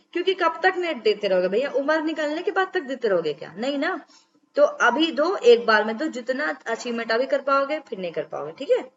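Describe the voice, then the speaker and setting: A woman's voice: sits high, fairly bright tone, muffled recording. A young woman teaching an exam-prep lecture, explaining step by step and asking checking questions.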